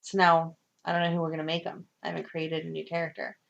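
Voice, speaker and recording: A woman co-hosting a fan podcast in casual chat. She is opinionated and briskly acts out characters' lines in quick asides. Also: sits low, monotone, vocal fry, lo-fi sound. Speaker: podcast co-host.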